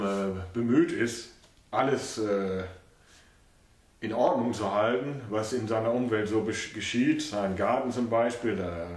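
A man, the author, introducing and reading aloud from his own satirical book, relaxed and hesitant with fillers while introducing it. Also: lowish voice. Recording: roomy echo.

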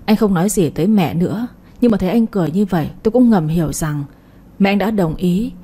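A woman reading a late-night romance story in the first person, soft and emotional. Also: mid-range voice, expressive, quick pace, breathy edge. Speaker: audiobook storyteller.

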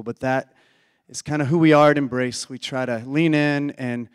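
A man, a pastor whose voice is hoarse from illness, praying and preaching in an earnest, folksy way that often restarts phrases. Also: medium pitch. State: hoarse, losing his voice. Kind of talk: sermon with opening prayer. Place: church sanctuary. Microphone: handheld or stage mic. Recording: dry close mic with long hall reverb.

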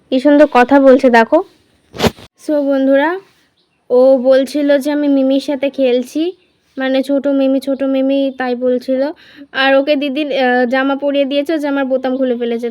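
Woman vlogger, West Bengal Bengali accent, high pitch, casual rambling narration, dry recording. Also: darkish tone, clean tone, no echo. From West Bengal, India. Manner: chatty, fills with "mane" and restarts.

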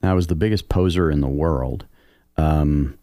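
A middle-aged man with a very low, deep voice tells his own story in an earnest, confessional way. He keeps a few light, self-deprecating touches, and his studio microphone sounds close and dry. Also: measured pace, warm tone, dry recording. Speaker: co-host sharing his story. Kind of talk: candid radio talk-show testimony.

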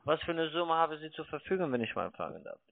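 A fast-talking, very animated salesman with a higher voice and some vocal fry pitches investments from a call centre. German is not his native language, and his phrasing stumbles, repeats and runs long. The recording is a dry, band-limited phone line with no room sound.

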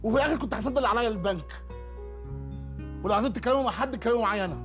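A man's voice: very high-pitched, racing, fairly bright tone, faint music behind. An actor playing a sheepish young Egyptian man making stammering excuses to his mother.

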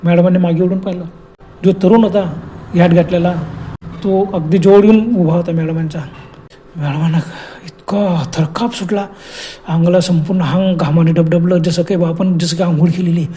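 A man narrating a horror story in a slow, emphatic, repetitive way. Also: high voice, fairly even intonation, dark tone, slight background noise.

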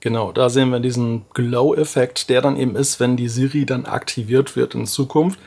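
In a casual talking-head tech vlog, a man in his forties speaks from a home office with a desk and monitor, shot close at head-and-shoulders. His medium-pitched voice is a little mellow, with vocal fry and a breathy edge, and he talks at a moderate pace with fairly even intonation. He's chatty, thinking aloud with fillers.

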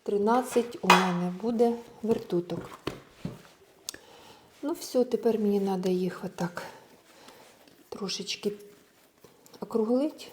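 A woman's voice: mid-range voice, moderate pace, pauses often, a little hiss or hum. A woman giving a casual cooking tutorial, chatting through each step as she works and mixing Russian words into her speech. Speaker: home cook showing a recipe.

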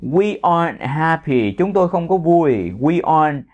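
A man teaching an English grammar lesson, explaining in a chatty way and repeating English example sentences slowly and deliberately, with a Vietnamese accent. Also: on the high side, lively intonation, a little mellow, lo-fi sound. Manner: chatty, with tag words like "ha" and "các bạn".

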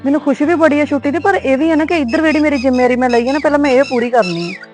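Young wife played by a woman, quick, placating but firm, faint background music, drama series. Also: sits high, fairly even intonation, darkish tone, lightly acted. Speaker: daughter-in-law.

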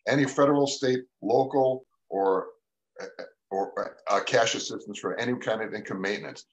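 Chatty New lawyer on radio. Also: male voice, lowish voice, moderate pace, dull audio. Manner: conversational, lots of "you know" and "all right?". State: losing his voice. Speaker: immigration attorney on a radio show. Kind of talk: live radio talk show.

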